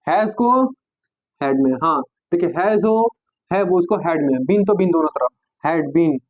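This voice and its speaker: A man teaching English grammar in Hindi. He talks slowly, dictates example sentences word by word, and spells out letters. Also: fairly high pitch, a little mellow, dry recording, poor audio. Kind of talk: classroom lesson.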